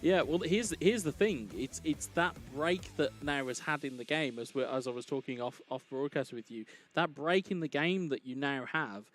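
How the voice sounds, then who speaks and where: A man's voice: fairly high pitch, normal speed, hardly any pauses. A man co-commentating an esports tournament live. He explains things in a chatty, friendly way and restarts his phrases often. Faint music sits behind him. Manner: chatty and explanatory, frequent fillers and restarts, laughs easily.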